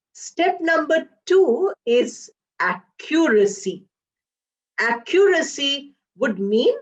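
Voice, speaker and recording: Lecturing with care at a slow pace, this English professor speaks in a somewhat high voice, stretching out individual words for emphasis. She lays out her ideas one step at a time using simple examples. It sounds like a lo-fi online class caught on a computer mic, dull in tone.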